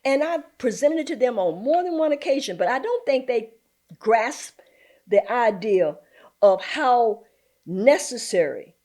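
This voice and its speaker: Lively older woman telling stories. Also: a little high, unhurried. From southern Virginia, US. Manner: animated storyteller who slips into folksy Southern talk and laughs often. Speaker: interview guest, community activist. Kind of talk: storytelling in a conversational interview.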